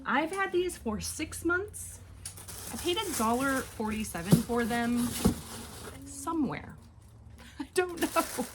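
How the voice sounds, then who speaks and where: A woman's voice: sits high, expressive, takes it slowly, pauses often, background noise. A woman in her forties chatting casually at home while packing orders, rambling and often trailing off mid-thought. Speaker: online clothing reseller.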